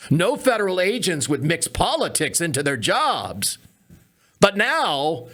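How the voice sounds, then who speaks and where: High-pitched, indignant man ranting. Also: a bit bright. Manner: indignant, mocking, rhetorical questions. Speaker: comedy podcast host. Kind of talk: sarcastic political commentary.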